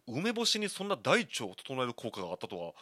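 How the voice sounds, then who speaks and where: Lively Kansai man in his thirties. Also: medium pitch, brisk, no room sound. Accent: Kansai Japanese. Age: 30s. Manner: candid, rambling storyteller. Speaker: podcast host. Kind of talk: solo talk monologue.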